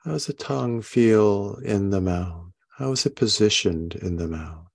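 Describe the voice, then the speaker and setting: A man leading a guided meditation, giving gentle, unhurried instructions and soft questions. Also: lowish voice, vocal fry, breathy edge. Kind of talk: guided meditation, body scan.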